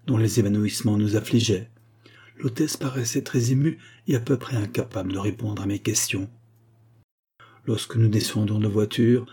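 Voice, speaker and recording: A man reads a classic novella aloud in a measured, dramatic way. His voice is low and husky, with a dark, mellow tone. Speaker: audiobook reader. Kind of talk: scripted narration of a classic novella.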